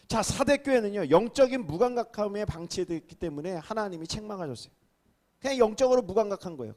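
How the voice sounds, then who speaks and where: A man, a senior pastor, preaching a sermon, swinging from hushed asides to emphatic, raised exclamations. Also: sits high. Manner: acts out rebukes and quoted speech in a raised voice.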